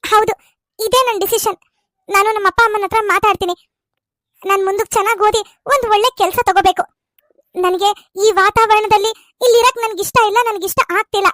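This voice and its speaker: Woman doing a super high-pitched young wife, teary and pleading, cartoon serial, dead dry sound. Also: steady tone, a little fast, pauses often, a bit bright, dry recording. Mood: resolute. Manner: pleading, tearful complaining. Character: young bride and student, tearful and hurt.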